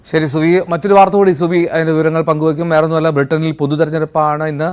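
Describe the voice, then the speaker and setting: A man anchoring a morning news show, calm and measured as he hands over between stories. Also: a little high, smooth.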